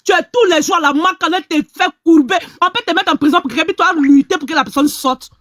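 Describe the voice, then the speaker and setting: A woman's voice: extremely high pitch, a bit bright, no echo, studio quality. A woman hosting a gossip live stream, scornful and insulting. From Ivory Coast. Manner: scornful, insulting, talks fast.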